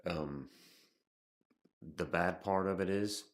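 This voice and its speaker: A man with a remarkably deep, low voice talks casually to his camera while nursing a sore throat. He rambles and halts, restarting his sentences and filling gaps with ums. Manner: rambling, halting, with many restarts and fillers. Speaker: vlogger. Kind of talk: casual vlog monologue.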